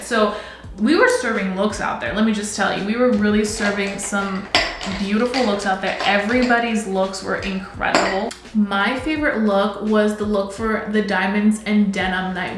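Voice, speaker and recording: A woman's voice: medium pitch, fairly bright tone, a little hiss or hum. A woman in her twenties chatting casually while doing her makeup, filling her talk with "like" all the time. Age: 20s. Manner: chatty, fills with "like" constantly. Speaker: beauty vlogger. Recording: very echoey room.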